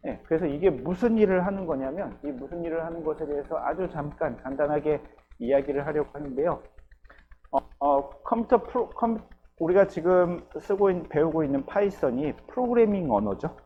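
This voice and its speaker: A man's voice: on the high side, expressive, brisk, dull audio. A male university lecturer giving a recorded programming class, explaining step by step and often checking in with his students. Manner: patient, explains step by step with frequent "ye" and "geujyo" check-ins.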